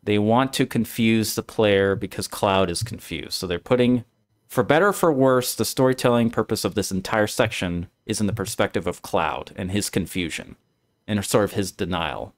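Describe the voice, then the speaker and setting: A man with a somewhat low voice talks through a video game's story in a relaxed discussion. He reasons aloud, backing up and rephrasing as he works out his ideas. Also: normal speed. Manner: thoughtful, restarts mid-sentence while reasoning aloud. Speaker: streamer and co-host. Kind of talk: casual game discussion.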